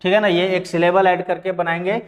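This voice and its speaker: Male grammar teacher, higher voice, long hall echo. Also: level tone, fairly quick. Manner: addresses viewers as friends, spells words letter by letter. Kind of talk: classroom-style lesson explanation.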